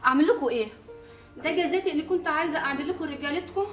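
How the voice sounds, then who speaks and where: An actress playing a scheming Egyptian woman who talks in a brisk, scolding way. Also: sits high, reverberant, faint music behind, lightly acted. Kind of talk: comedic film acting.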